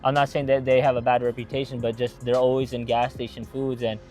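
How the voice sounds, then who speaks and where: Speaking at a quick pace, a young gas station and restaurant owner from Atlanta, Georgia tells the story of his family business in a relaxed, eager ramble. His middle-pitched voice is loaded with fillers like "like" and "you know," and faint music plays beneath this casual interview.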